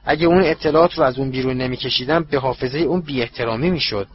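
A man voicing a cruel, ruthless dark master who speaks in a cold, contemptuous, husky voice. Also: medium pitch, lo-fi sound, close to an everyday voice. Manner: cold, slow and menacing, contemptuous. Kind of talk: audiobook character voice.

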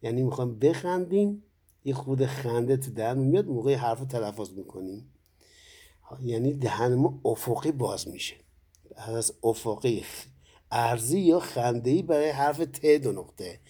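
A man teaches students in a recorded lesson. His voice is mellow and slightly husky. He explains patiently, pausing often and using fillers. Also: mid-range voice, animated. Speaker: Quran recitation teacher.

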